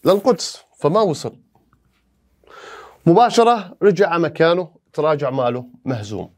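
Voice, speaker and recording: A man teaching a history exam review, animated and playful, firing rhetorical questions at students. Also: on the high side, moderate pace.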